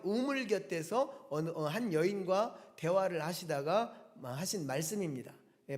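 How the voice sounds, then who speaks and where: A male pastor preaching a Sunday sermon, talking directly to the congregation with rhetorical questions and emphatic repetition. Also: sits high. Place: church sanctuary. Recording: long church reverb.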